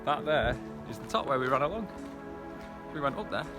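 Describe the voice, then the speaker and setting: Over background music, a running vlogger speaks a little fast in a sing-song, mid-range voice. He chats casually and encouragingly with viewers as he runs a hillside trail beside reservoirs.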